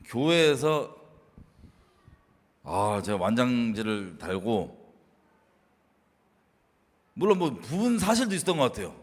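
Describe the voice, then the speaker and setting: Animated man, laughing often. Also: medium pitch, unhurried, pauses often, in a large hall. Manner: animated, laughing, acts out his past self scolding others. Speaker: co-host. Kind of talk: casual faith talk.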